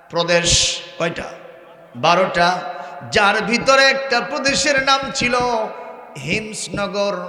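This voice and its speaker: Shouting preacher with chanted refrains. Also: male voice, high-pitched, echoey room, big-room sound. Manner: alternates shouted exhortation with chanted singing. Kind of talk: Bengali waz sermon.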